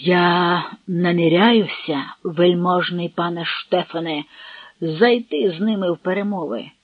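A scheming middle-aged commissioner, gloomy and slyly gloating, as a man reads him aloud. He speaks slowly and deliberately. The sound is dry and a little dull, like a home-made audiobook. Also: sits high, expressive, no room sound, heavily acted. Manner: gloomy, gloating, smooth-talking.

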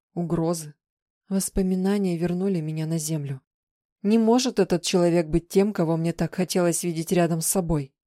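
A woman reading a first-person novel aloud as an audiobook narrator, in an even, emotive way. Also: on the low side, no echo, studio quality.

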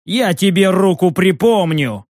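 A man's voice: sits high, animated, measured pace, darkish tone, no echo, studio quality. A man voicing a proud, blustering male patrol leader who argues indignantly in an audiobook.

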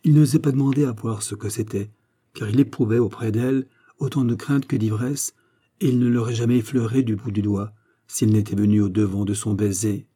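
Man with a dark, husky narrating voice. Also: on the low side. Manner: measured, expressive literary narration. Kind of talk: storybook reading.

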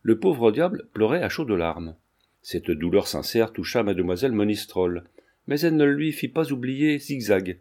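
A man narrating a classic novel aloud in an even, measured storytelling manner. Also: on the low side. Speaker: audiobook narrator. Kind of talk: scripted narration.

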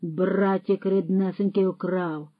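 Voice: medium pitch, little pitch movement, slow, phone-quality sound, natural voice. A narrator doing a naive young lad. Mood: hesitant. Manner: hesitant, short questions. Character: naive young man joining thieves.

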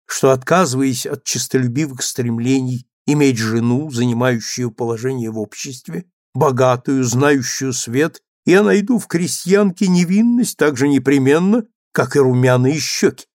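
A man's voice: medium pitch, unhurried, a little mellow, dry recording, clean studio sound. A man reading the part of a stern, bitter young husband who speaks coldly and abruptly. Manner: cold, abrupt, rising to exasperation. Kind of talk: audiobook character reading.

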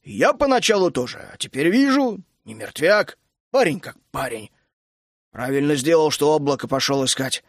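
A gruff, grumpy middle-aged dragon keeper, put on by a male audiobook narrator, grumbling and scolding with sudden hot outbursts. The voice sits lower than his narration and is recorded close and dry. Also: animated, moderate pace, dry recording. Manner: grumbling, scolding, bursts out hotly. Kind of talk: audiobook character voice.

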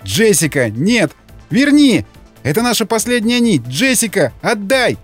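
A man's voice: on the high side, lively intonation, moderate pace, husky, soft background music. A man voicing a panicking young male lieutenant, tearful and pleading. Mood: desperate sobbing.

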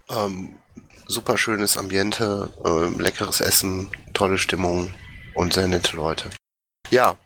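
A man's voice: fairly low pitch, creaky, fairly bright tone. A man giving a casual spoken report in an online meeting, hesitant, with many filler sounds and restarts. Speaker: party board member giving an activity report. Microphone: headset or desk mic on a voice chat call. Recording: voice chat audio with faint background noise.

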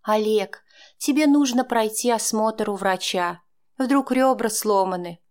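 A woman's voice: fairly high pitch, unhurried, pitched above the performer's own voice, lightly acted. A woman playing a fretful older grandmother. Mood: worried scolding. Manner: anxious, scolding, then tender. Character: older woman, worried caring grandmother, tearful.

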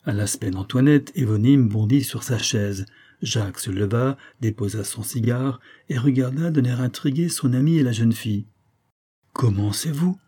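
A man narrating a novel as an audiobook in a measured, even reading manner. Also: mid-range voice, breathy edge.

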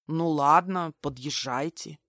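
A woman's voice: deep voice, slow, a bit bright, dry recording, studio quality, full character voice. A woman voicing a guarded, hesitant older man on the phone. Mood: wary. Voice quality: guarded, unsure.

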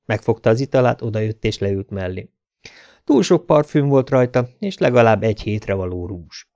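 A man's voice: lowish voice, lively intonation, a little mellow. A man reading a hard-boiled novel aloud as an audiobook, in a dry, laconic manner. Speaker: audiobook reader.

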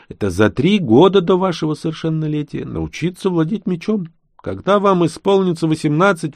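A man's voice: mid-range voice, a little mellow, dry recording, clean studio sound, pitched above the performer's own voice. A man voicing a loyal, respectful old servant in an audiobook, explaining patiently to his young master.

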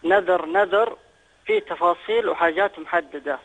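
A man's voice: high voice, normal speed, fairly bright tone. A man asking a casual question as a phone caller. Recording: dull lo-fi phone call.

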